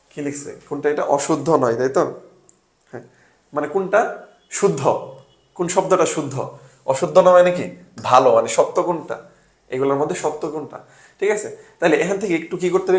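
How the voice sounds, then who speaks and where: This is a casual online class where a young Bangladeshi man works through admission test problems. His voice is fairly high and the room echoes; he asks his own questions, answers them, and slips English terms into his talk.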